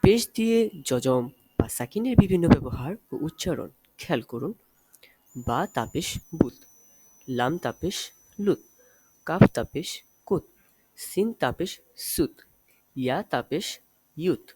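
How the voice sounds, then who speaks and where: Slow, husky-voiced male Arabic drill teacher. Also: mid-range voice, a little mellow, no room sound. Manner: slow, deliberate letter-by-letter recitation. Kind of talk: spelled-out letter drill lesson.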